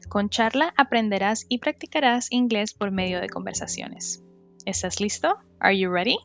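A woman, teaching an English lesson on a podcast in a slow, careful way and modeling the words for learners. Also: medium pitch, over music. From Colombia. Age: 20s.

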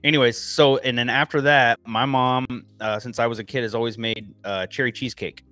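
A man in his thirties from Illinois, co-hosting a casual podcast chat and telling rambling, animated stories. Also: mid-range voice, fairly quick, no room sound, faint music behind. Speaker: podcast co-host.

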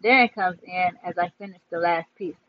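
A man's voice: high-pitched, brisk, muffled recording. A man reading a novel aloud to his listeners, chapter by chapter, with casual asides. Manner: warm sign-off, casual asides. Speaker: book reader.

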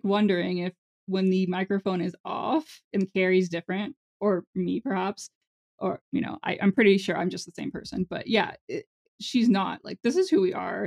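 A woman podcast co-host with heavy, gravelly vocal fry at a middle pitch. She chats informally, doubling back and interrupting herself as she thinks aloud. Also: darkish tone. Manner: informal, hedging, self-interrupting. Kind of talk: casual podcast chat.

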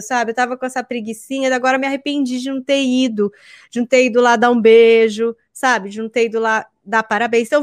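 A woman's voice: a little high, no echo. Chatty Brazilian woman on a dry mic. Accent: Brazilian Portuguese. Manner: chatty, storytelling, acts out little quoted exchanges. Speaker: podcast co-host, presenter. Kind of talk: casual podcast chat.

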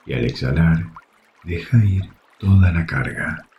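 Very deep, slow man guiding sleep meditation. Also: soft background music. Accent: Rioplatense Spanish. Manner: soft, soothing, hushed delivery with long pauses. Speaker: yoga nidra guide. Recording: faint water ambience behind voice. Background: trickling water sounds.

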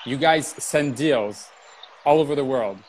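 A man's voice: medium pitch, measured pace, noisy background. A man hosting an interview, talking casually with lots of "you know" fillers. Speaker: interview host.

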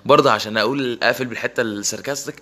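A man's voice: medium pitch, steady tone, sharp tone. A young man with an Egyptian accent giving a casual reflective monologue, mixing in English phrases and often restarting his words. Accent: Egyptian Arabic. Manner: rapid, mixes English phrases, frequent restarts.

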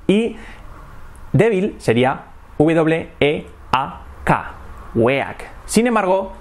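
A man with a Spain Spanish accent teaching English in a bilingual lesson, repeating words slowly and switching between English and Spanish. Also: medium pitch.

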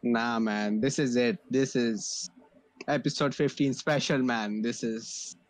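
A man's voice: mid-range voice, fairly even intonation, slow, dry recording. Laid-back man with a dry, close sound. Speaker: podcast co-host. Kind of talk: casual slangy banter.

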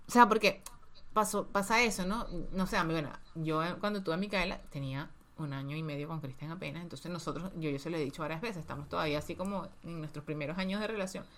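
Speaking fast in a low, slightly bright voice, a woman who co-hosts a podcast and has a toddler opens up emotionally about being a mother. It's a candid, casual chat, and she repeats words to stress her points.

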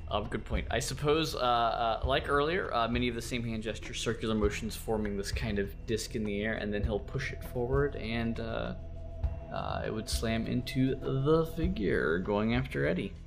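A man playing a tabletop game who describes his character's moves hesitantly, with many pauses and fillers. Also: medium pitch, vocal fry, soft background music. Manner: hesitant, lots of "uh". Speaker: player. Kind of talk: casual tabletop game chat.

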